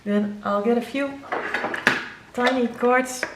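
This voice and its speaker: A woman with a Dutch first language giving an earnest, halting tarot reading to viewers, with many fillers and moments where she grows emotional. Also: fairly high pitch, fairly even intonation, very noisy. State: emotional, near tears. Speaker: tarot reader.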